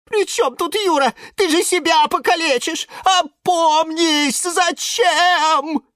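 Reader doing a squeaky panicky lemon tree guy, shrieks way up high, dry sound. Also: lively intonation, a little slow, dry recording. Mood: indignant. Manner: shrill, frantic, often shouting or hissing. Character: fussy male lemon tree, anxious and scolding. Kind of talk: children's audiobook reading.

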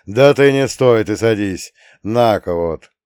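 A male reader puts on a gruff old war veteran grandfather from an audiobook, coarse and swearing as he grumbles. He speaks a bit louder and slower than the narration, in a low register. The recording is dry and close. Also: expressive, no echo. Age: older.

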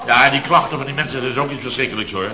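In front of a live audience, a radio comedy actor with a mid-range voice delivers rapid-fire, lightly acted lines as an exasperated chef, blustering and indignantly repeating himself over a string of disasters. The old recording is echoey and dull, with crowd and audience noise.

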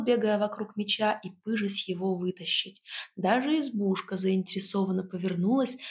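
A woman reading a first-person audiobook in a wry, lively storytelling manner. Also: mid-range voice, muffled recording. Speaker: audiobook narrator.

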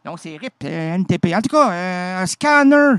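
A man's voice: sits high, expressive, normal speed, a bit bright, no echo. A man hosting a radio show, joking and rambling in a playful, goofy way with a nasal voice. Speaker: radio host. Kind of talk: comic radio banter.

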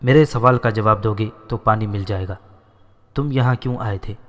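A man's voice: on the low side, close to an everyday voice. A man voicing a stern male official who coldly repeats his questions to a captive. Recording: long reverberant echo.

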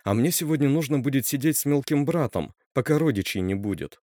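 A man's voice: mid-range voice, expressive, a little fast, a little mellow, dry recording, clean studio sound, lightly acted. A man voicing a wry, teasing teenage girl in a read-aloud horror story.

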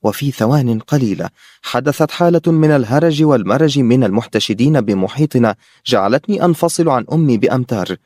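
A man reading a novel aloud at a mid pitch, keeping a steady and even storytelling pace. The voice is dry and close, with no echo at all. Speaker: audiobook narrator. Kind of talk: audiobook narration of a novel.

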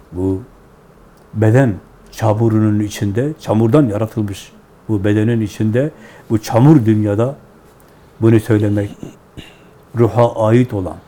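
A man, a Sufi spiritual teacher, giving devotional teaching in measured, repetitive, chant-like phrases. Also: mid-range voice, warm tone.

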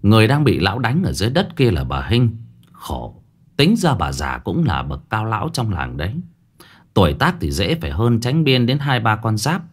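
A man's voice: lowish voice, very animated, moderate pace. A man narrating a folk ghost story in a vivid, dramatic way, with coarse village speech.

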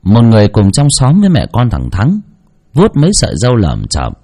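A man narrating a spooky folk story in an expressive storytelling voice, with mocking asides. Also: fairly low pitch, fairly quick.

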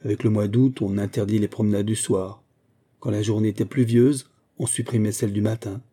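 A man reading a classic novel aloud as an audiobook narrator, in a measured, even way. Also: lowish voice, slightly rough. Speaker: audiobook reader.

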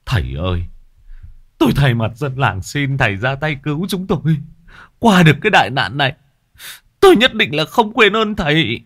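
A man's voice: fairly low pitch, sing-song, normal speed, bright, forceful tone, full character voice. A man voicing a deferential older village chief who speaks humbly and pleads. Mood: pleading.

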